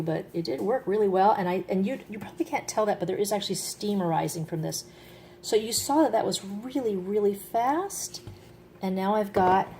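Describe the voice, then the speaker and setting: A woman's voice: fairly low pitch, darkish tone, slight background noise. A woman giving an enthusiastic, chatty product demo to a camera she holds in her hand, poking fun at herself as she goes. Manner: chatty, enthusiastic, self-mocking. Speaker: product reviewer. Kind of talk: casual demo talk to camera. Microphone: handheld camera mic.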